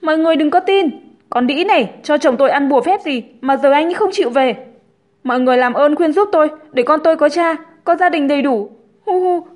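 A woman doing a shrill, scheming pregnant young woman. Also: brisk, natural voice. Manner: shrill, accusing, theatrically wailing.

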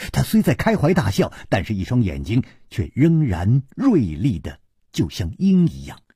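A man narrating a martial-arts story in a dramatic, expressive storytelling manner. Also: medium pitch, husky, no room sound, clean studio sound. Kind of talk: traditional Chinese storytelling narration.

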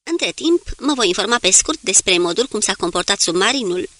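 A courteous, world-weary male naval commodore in an audiobook, read by a woman. He speaks formally and politely. The voice is bright and the recording is dry and close. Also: mid-range voice, expressive, dry recording.

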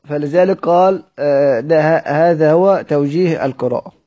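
On a muffled recording, a man with a warm voice on the high side teaches Quran recitation in an Egyptian accent. After reading a classical text aloud, he explains it colloquially, asks question after question, and spells out word examples slowly.

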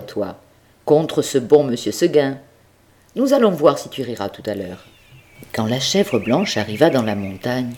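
A woman narrating a classic tale as an audiobook reader, expressive and talking straight to the listener. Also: extremely low pitch, breathy edge. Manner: expressive, addresses the listener directly. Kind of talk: storytelling narration.

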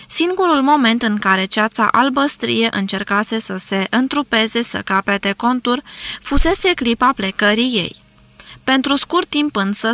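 Bright-voiced woman reading a novel. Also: a little high, no echo. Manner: calm, measured reading. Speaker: audiobook narrator. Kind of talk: scripted literary narration.

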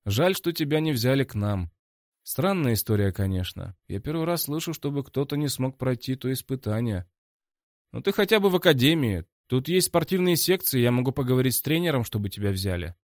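A man voicing a bubbly, hurried young woman who chatters breathlessly. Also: medium pitch, sing-song, dry recording, clean studio sound, pitched above the performer's own voice. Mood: friendly.

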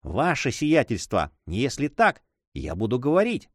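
A man's voice: medium pitch, wildly swooping pitch, measured pace, dry recording, studio quality. A man voicing a cold, calculating spy in an audiobook, coolly polite and deferential. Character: cold, calculating male spy, greedy for gold. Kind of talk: audiobook reading.

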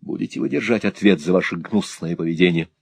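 A hot-headed young gentleman flares up in defiance, as a male narrator puts him on. His voice is low and slightly husky, and it turns fierce and indignant. It is close-miked and dry. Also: fairly quick, no room sound. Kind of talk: audiobook character voice.

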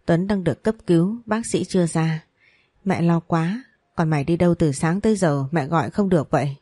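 A worried middle-aged mother frets and nags her daughter about money, voiced by a woman reading the story. The voice is low and dark-toned, in a dry recording. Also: fairly quick, no room sound, lightly acted. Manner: anxious, nagging.

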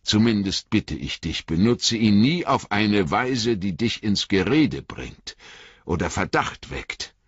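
A man reading an audiobook, voicing an old, grave and cautious male wizard who speaks in measured warnings. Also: on the low side, animated, breathy edge, dry recording, pitched above the performer's own voice, exaggerated voice. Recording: dull lo-fi audiobook recording.

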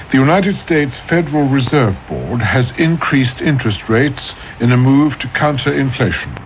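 A dull, lightly noisy radio broadcast of a British man reading the news. His delivery is formal and authoritative, with a medium pitch that rises and falls widely. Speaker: newsreader. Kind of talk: scripted news bulletin reading.

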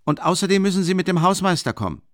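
A man doing a loud, blunt suspicious workman. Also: sits high, lively intonation, quick pace, no echo, clean studio sound, pitched above the performer's own voice. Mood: blunt, alarmed.

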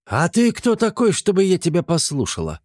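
A man voicing a stout, bossy woman of forty who runs a kitchen and scolds loudly. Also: sits high, wildly swooping pitch, moderate pace, no room sound, studio quality, voice pushed up, full character voice. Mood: defiant. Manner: brash, scolding.

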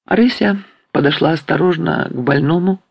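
A man reading a historical novel aloud as an audiobook narrator, in a dramatic, measured way. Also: on the high side, vocal fry, slightly rough, dry recording.

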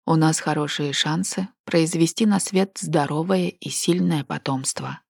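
A woman reading the lines of a cold, domineering, manipulative man in a flat, measured, unhurried way. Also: deep voice, vocal fry, slightly rough, no echo, studio quality, heavily acted. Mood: cold, level.

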